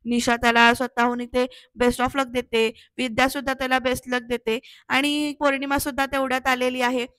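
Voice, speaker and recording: Here a woman with a high, fairly bright voice retells a TV serial episode as a casual voice-over, chatting straight to the audience. She keeps a level tone and moderate pace, and the recording is dry.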